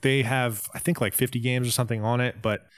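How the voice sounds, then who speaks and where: A man co-hosting a casual gaming podcast, relaxed and rambling, with lots of "um" and "you know". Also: mid-range voice, fairly quick. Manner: relaxed, lists things, many "um"s and "you know"s. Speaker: podcast co-host.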